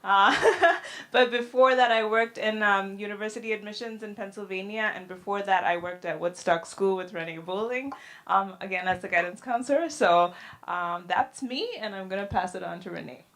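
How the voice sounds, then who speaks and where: A woman's voice: mid-range voice, moderate pace, a bit bright. A woman speaker introducing herself informally to a session as a school counselor.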